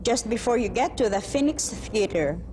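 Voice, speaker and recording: A woman playing a helpful friend explains directions in a scripted lesson dialogue. Her pitch is a little high, with faint noise behind her. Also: expressive, moderate pace, warm tone, close to an everyday voice. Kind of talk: scripted listening-test dialogue.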